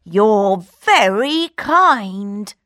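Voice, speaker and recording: A woman voicing a wicked old male magician in disguise, speaking in a sly, drawn-out way. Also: medium pitch, expressive, fairly bright tone, no room sound, clean studio sound.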